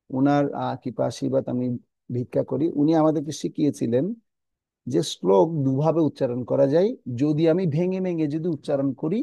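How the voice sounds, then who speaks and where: A man teaching a scripture class, chanting verses slowly and then explaining their pronunciation step by step. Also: a little high, creaky, dark tone, no echo.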